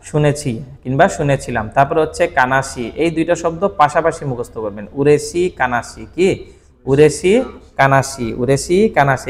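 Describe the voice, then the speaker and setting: Bengali man teaching in a reverberant room. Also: fairly high pitch. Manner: explains patiently, often checks in with the listener. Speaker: Japanese language teacher. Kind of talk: classroom-style vocabulary lesson.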